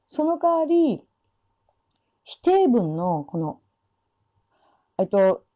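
A woman teaching English pronunciation for singing, with relaxed explanations and slow spoken demonstrations of English words. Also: medium pitch, breathy edge. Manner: demonstrates English sounds slowly between explanations. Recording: dull lo-fi sound.

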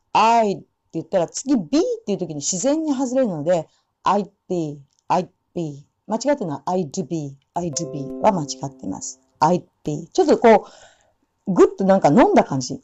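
A woman teaching English pronunciation, explaining sounds and slowly repeating example phrases. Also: medium pitch, darkish tone. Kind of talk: pronunciation lesson. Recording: dull lo-fi sound.

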